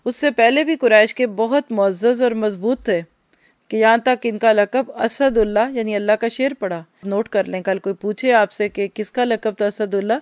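A woman's voice: mid-range voice, a little mellow, no echo. A woman teaching a religious lecture, telling stories and asking her listeners questions. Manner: storytelling, addresses listeners directly with questions.

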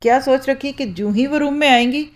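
A woman whose voice sits high speaks briskly into a handheld or stand microphone, lecturing on speaking skills to rows of listeners in a hall. She frequently asks rhetorical questions and supplies the answers herself.

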